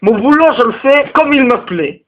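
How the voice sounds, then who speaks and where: A young man with a Belgian French accent playing a crude, rambling male teacher in a comedy sketch, lurching into high, indignant outbursts. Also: animated, moderate pace, lo-fi sound. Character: crude, touchy male teacher, single, lives with parents. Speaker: teacher at a parents' meeting.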